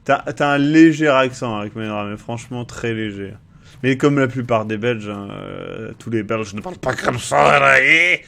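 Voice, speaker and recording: A man's voice: medium pitch, moderate pace, creaky, bright, forceful tone. A young man casually commenting on a game he plays live, chatting with viewers, swearing now and then, and reading on-screen text aloud. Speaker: game streamer.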